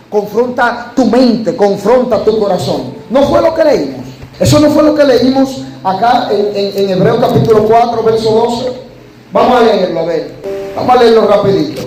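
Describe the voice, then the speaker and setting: High-voiced man preaching in an echoey church. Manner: preaching with sudden shouted emphasis and sharp drops. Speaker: pastor. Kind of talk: sermon. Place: church hall. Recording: echoey church hall, faint noise.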